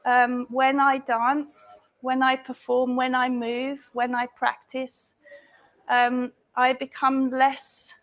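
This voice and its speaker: A woman, a dancer and facilitator, introducing herself at a live panel talk in a slow, deliberate and hesitant way. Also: high-pitched, a bit bright. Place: live talk event before an audience.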